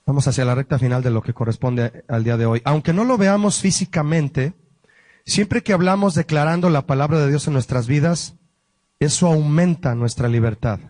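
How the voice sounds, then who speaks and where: A man, a pastor, teaching a Bible study lesson, explaining word meanings slowly and asking the listeners questions. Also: a little high, darkish tone, no echo.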